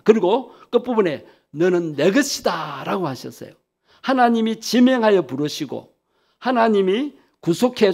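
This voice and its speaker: A man's voice: high-pitched, a little mellow. A male pastor preaching a sermon emphatically, leading the congregation in repeating phrases.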